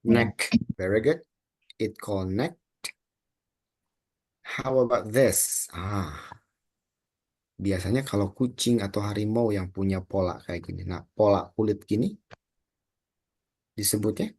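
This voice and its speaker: Slow husky teacher with an Indonesian accent. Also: male voice, lowish voice, darkish tone. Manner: slow, drills words for the class to repeat. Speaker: English teacher. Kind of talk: children's vocabulary lesson.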